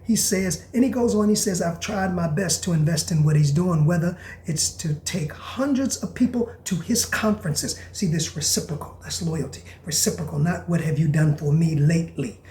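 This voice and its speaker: A man's voice: sits high, animated, moderate pace. A man talks through a podcast like a preacher, pressing on his points with repetition, then sinking to an intense whisper. His voice rings around a roomy, echoey space with a faint hiss behind it. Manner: emphatic and preacherly, repeats lines, drops to hushed whispers. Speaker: podcast host. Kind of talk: preacher-style podcast monologue, reading aloud.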